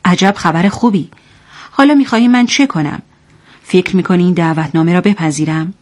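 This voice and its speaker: A woman's voice: mid-range voice, sing-song. A woman voicing a discontented young wife who speaks with mocking impatience, in a radio story reading. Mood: scornful. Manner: mocking, exasperated.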